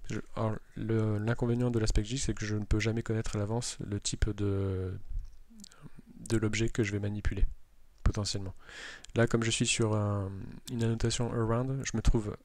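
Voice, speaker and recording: A man's voice: on the low side, flat delivery, normal speed, a little mellow, dry recording. A man, a Java developer, explaining code aloud in a tutorial, hesitating and restarting often, with self-mocking asides. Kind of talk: live coding tutorial. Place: at a computer, indoors.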